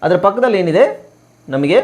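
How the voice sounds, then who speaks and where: A man's voice: sits high, lively intonation, moderate pace, darkish tone. A man from Karnataka teaching English spelling rules in a spoken lesson, spelling words out letter by letter and asking rhetorical questions. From Karnataka, India.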